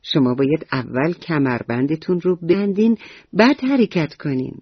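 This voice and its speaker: In a bedtime radio story, a woman storyteller does a full character voice for an eager, proud little schoolboy who politely lectures his father about traffic rules, in an earnest mood. Her voice sits low and is very animated and slightly rough, and the audio is dull with no echo.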